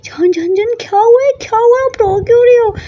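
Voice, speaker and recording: A worried, bossy young woman who scolds in a high, urgent voice, as a woman narrator acts her out. The tone is mellow and the recording dull and lo-fi with a faint hiss. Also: moderate pace. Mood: alarmed scolding.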